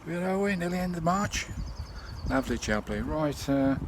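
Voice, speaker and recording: A man with an English accent and a slightly high, animated voice talks at normal speed to his viewers. He's chatty and colloquial, addressing them like mates as he installs a radio in and around his parked campervan, with background noise picked up by the handheld camera mic.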